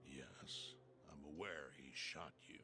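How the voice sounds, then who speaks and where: An actor playing a calm older male syndicate chairman who talks in a measured, deliberate way. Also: a little hiss or hum, full character voice. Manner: calm, deliberate, low-key. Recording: game audio with loud music behind.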